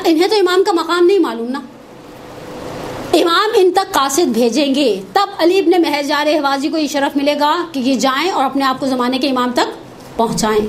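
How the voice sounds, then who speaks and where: High-voiced woman giving a religious lecture. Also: slight background noise. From Pakistan. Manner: conversational, with personal asides and recited Arabic quotations.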